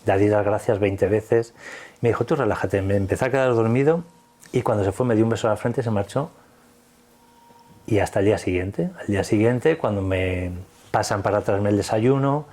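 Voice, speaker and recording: Man, low-pitched, rapid delivery, retells conversations with animation; interview guest. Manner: animated, acts out dialogue in retelling. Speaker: guest telling his story. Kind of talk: casual storytelling interview.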